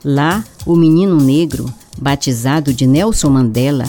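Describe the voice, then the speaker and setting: A Brazilian woman hosting as a grandma storyteller, narrating for children in a measured fireside storytelling manner. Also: low voice, dark tone. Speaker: storyteller host of a children's radio segment, presented as grandma. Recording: faint music behind.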